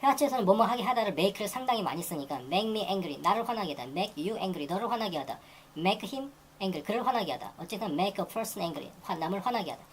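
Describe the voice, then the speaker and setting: A woman teaching English grammar in a lecture, repeating phrases and reading example sentences very slowly. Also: medium pitch, lively intonation, a little hiss or hum, rough recording. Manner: repeats phrases and restarts while explaining.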